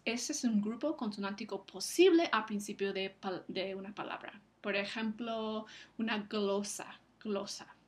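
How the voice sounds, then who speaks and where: Woman lecturing slowly on Spanish syllables. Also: on the high side. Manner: careful, slow enunciation of example words. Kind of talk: recorded lecture.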